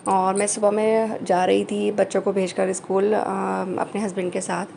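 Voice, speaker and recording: A woman in her thirties narrating a family vlog in a chatty, easygoing way, with frequent fillers and pauses. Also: mid-range voice, little pitch movement, vocal fry, dark tone, slight background noise. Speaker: family vlogger. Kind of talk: casual voice-over narration.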